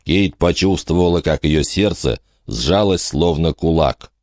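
A man narrating an audiobook in a dramatic, measured reading style. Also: sits low, a little mellow, dry recording, clean studio sound. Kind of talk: scripted narration.

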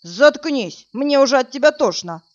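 Woman putting on a menacing drunk thug guy, loud and coarse, kinda high voice, dull lo-fi audiobook. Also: lively intonation, moderate pace, natural voice. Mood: enraged. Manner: menacing, loud, snarling threats. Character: brutish drunk male thug, threatening and coarse.

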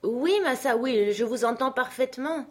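A woman voicing an excitable old male servant who is fearful and chatty, speaking with loud exclamations and pleading. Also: sits high, moderate pace, pitched above the performer's own voice.

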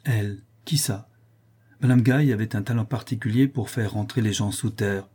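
A man narrating a literary audiobook in a measured, even storytelling manner. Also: lowish voice, breathy edge.

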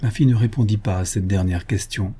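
Male audiobook narrator, first-person novel, measured, mellow, husky. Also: fairly low pitch.

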